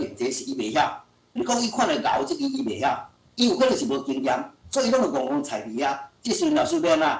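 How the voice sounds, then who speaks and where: A male lecturer giving an online language lesson in a chatty way, full of filler sounds. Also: on the high side. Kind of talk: online teaching talk. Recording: roomy echo.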